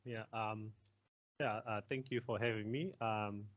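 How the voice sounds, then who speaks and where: A man from Zimbabwe on a career panel, speaking haltingly with many pauses and fillers. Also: lowish voice, fairly even intonation. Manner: halting, many ums and uhs. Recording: dull lo-fi video call.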